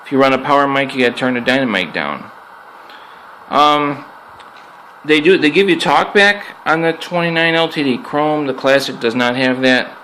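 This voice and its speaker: A man with a medium-pitched, sharp-toned voice speaks at a moderate pace in a rough recording. An amateur product reviewer and radio hobbyist, he gives a plainspoken, unscripted hands-on review indoors in his apartment, repeating points for emphasis, with clear background noise on the amateur audio.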